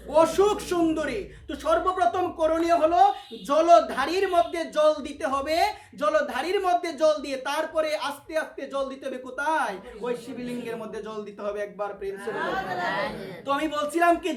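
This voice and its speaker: A man's voice: very high voice, normal speed. A man giving a devotional sermon with call-and-response, asking the audience questions and answering them himself, repeating key words and chanting mantras. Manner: chants mantras and the holy names. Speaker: devotional preacher. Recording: echoey hall sound.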